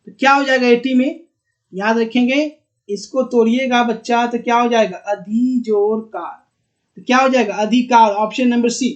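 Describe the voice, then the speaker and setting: A man's voice: very high voice, muffled recording. A man with a Bihari Hindi accent teaching an exam-prep lesson online, repeating words and coaxing students with questions.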